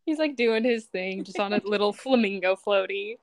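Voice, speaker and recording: A woman's voice: mid-range voice, moderate pace. A young married woman co-hosting a casual podcast, teasing and sarcastic. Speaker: podcast co-host.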